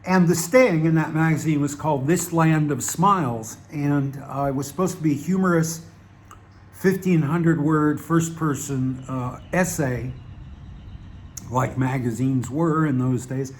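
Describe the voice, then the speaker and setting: Unhurried and fairly high-pitched, this Southern United States channel host chats to his audience with a Southern American accent. The monologue is casual and rambling, wry and digressive, full of fillers and restarts.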